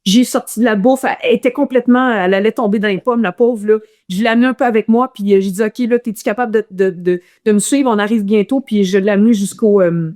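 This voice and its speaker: Speaking at medium pitch with a Quebec French accent, a runner passes along a guest's stories during a casual interview. She's animated, with lots of false starts.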